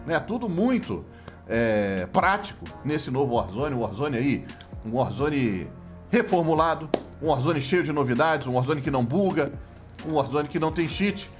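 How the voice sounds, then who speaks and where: Brazilian guy doing goofy sportscaster play-by-play on game clips, kinda high voice, faint music behind. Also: normal speed. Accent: Brazilian Portuguese. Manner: joking, playful, animated play-by-play. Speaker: gameplay commentator. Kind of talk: mock sportscaster game commentary.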